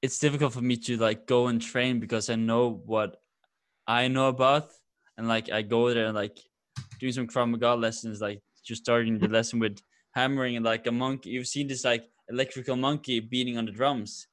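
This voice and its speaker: A man hosting a podcast interview, talking haltingly, searching for words and filling pauses with many fillers. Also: medium pitch, steady tone, a bit bright, no room sound. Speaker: podcast host.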